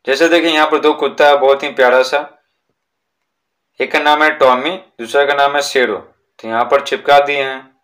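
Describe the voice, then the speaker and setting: A man's voice: medium pitch, fairly even intonation, a bit bright. A young man teaching a school English lesson, explaining each point patiently and checking in with his listeners as he goes. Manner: reads English lines slowly, then explains; repeats points with "ठीक है ना".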